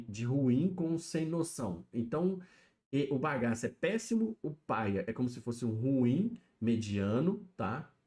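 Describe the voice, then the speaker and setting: Man, warm mellow tone, mid-pitched, chatty solo live-stream talk. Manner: chatty, explaining, constantly checking in with "né?" and "tá?". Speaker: YouTube streamer. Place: home setup, alone.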